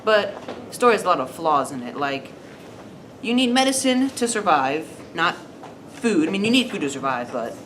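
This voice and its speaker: Lady making up a silly fairy tale, animated, low-ish voice, wry and playful. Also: moderate pace, slight background noise. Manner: playful, self-correcting, wry asides. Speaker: storyteller. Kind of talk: improvised comic storytelling.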